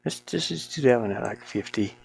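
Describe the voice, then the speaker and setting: Somewhat fast and animated, a solo game developer talks through their work in a creaky, mid-range voice. The speech is casual, mildly grumbling self-muttering with "ain't" and double negatives, recorded in a small, warm indoor room where a fan is running.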